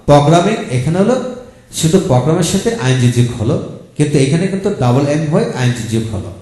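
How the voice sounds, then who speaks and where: A man's voice: fairly high pitch, warm tone. Man teaching with a very echoey sound. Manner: explains step by step, repeating example words slowly. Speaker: English teacher. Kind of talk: video lecture. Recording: very echoey room.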